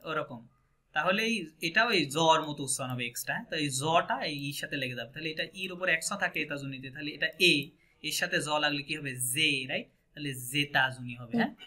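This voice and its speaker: A man's voice: on the high side, expressive, fairly quick, sharp tone. A man with a Bangladeshi Bengali accent teaching a French class, patient and often asking checking questions. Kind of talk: online language class.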